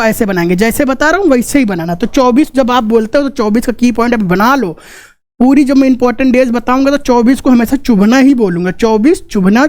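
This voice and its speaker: A man's voice: very high-pitched, darkish tone. A man teaching a casual exam-prep class with memory tricks, joking, chatty and repeating key points. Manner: joking, chatty, asks rhetorical questions.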